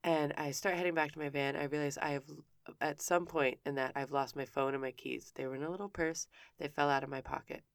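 A woman's voice: sits low, fairly even intonation, brisk, no echo, studio quality. A woman telling a personal story in a frank, conversational way, often stopping and restarting her sentences. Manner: candid, frank with casual swearing; self-interrupting with frequent restarts.

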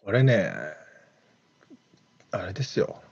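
A man's voice: on the low side, takes it slowly, darkish tone, slightly rough. A man co-hosting a podcast in casual, joking banter, loose and slangy. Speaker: podcast co-host. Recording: dull lo-fi sound.

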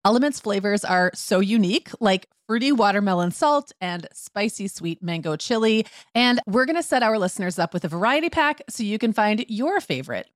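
A woman's voice: medium pitch, lively intonation, a little fast, dry recording, studio quality. A woman reading a scripted podcast sponsor message. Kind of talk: scripted ad read.

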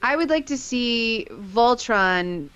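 Playful female co-host, lively delivery. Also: a little high, clear, resonant tone, lo-fi sound. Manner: quick, playful banter. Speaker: podcast co-host. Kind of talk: casual chat.

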